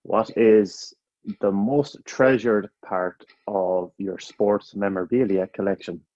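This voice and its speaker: A man co-hosting a casual podcast, firing off quick questions and cracking jokes with frequent laughs. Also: fairly low pitch, fairly even intonation, warm tone, no echo, muffled recording. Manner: jokey, laughs often. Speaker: podcast co-host.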